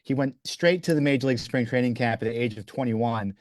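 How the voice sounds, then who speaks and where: An enthusiastic author guest in his forties, raised in Belgium, talks about his book in an interview at a little fast pace. His medium-pitched voice comes through with no echo, and his phrasing is eager and stop-start, full of restarts and "you know."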